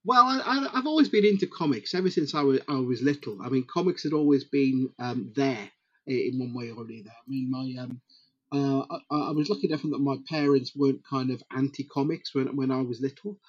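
Halting middle-aged man, dull dry recording. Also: mid-range voice, fairly bright tone, no echo. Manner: halting, repeats words as he goes. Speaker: podcast guest, comics publisher. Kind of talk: casual interview chat.

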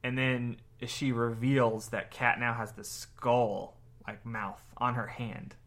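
A man's voice: mid-range voice, flat delivery, slow pace, a bit bright. A man co-hosting a podcast, chatting casually and rambling with lots of fillers and restarts. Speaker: podcast co-host. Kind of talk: casual chat.

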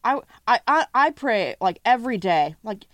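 A young adult woman co-hosting a casual podcast chat, wry and halting, swearing casually as she tells stories. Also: a little high, big pitch swings, a bit bright, dry recording. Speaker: podcast co-host.

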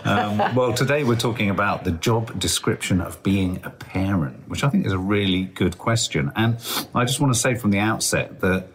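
A man in his fifties, a father co-hosting a parenting podcast in casual chat, with a wry, teasing manner and quick asides. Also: lowish voice, animated, slightly rough.

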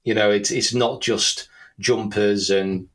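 As a guest in a casual interview, a man in his thirties from England talks self-deprecatingly in an English accent. His lowish voice stays steady and fairly bright, and his pace is slow.

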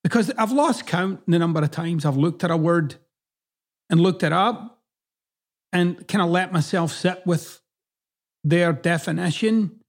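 A middle-aged Scottish man whose accent has picked up some American tones hosts a podcast, his voice sitting high. He speaks at a measured pace with long pauses, delivering a blunt, emphatic casual monologue laced with swearing.

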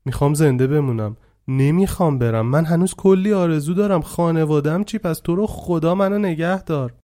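A man's voice: fairly high pitch, dark tone, voice pushed up, natural voice. Man voicing desperate injured young man. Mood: pleading. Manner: cries out pleading to God.

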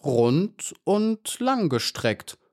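Man doing a shy young bee girl for a storybook, raised higher voice. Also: very animated, drawn-out words, darkish tone, full character voice. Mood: timid. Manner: timid and polite.

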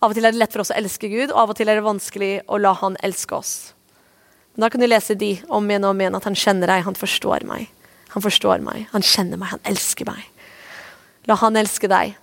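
A woman's voice: medium pitch, flat delivery, gravelly. A woman pastor giving a sermon, earnest and repeating short phrases for emphasis, then leading a spoken prayer.

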